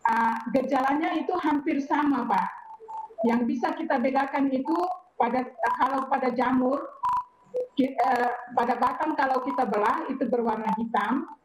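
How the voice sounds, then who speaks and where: A woman plant protection expert explaining in a measured way, often pausing with fillers. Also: high-pitched, echoey room, a little hiss or hum, low-quality recording. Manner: measured, with frequent hesitation fillers.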